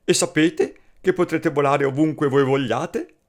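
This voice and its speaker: A man voicing a friendly, confident female swallow in a storybook tale, coaxing and lively. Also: fairly high pitch, measured pace, pitched above the performer's own voice, natural voice. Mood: encouraging.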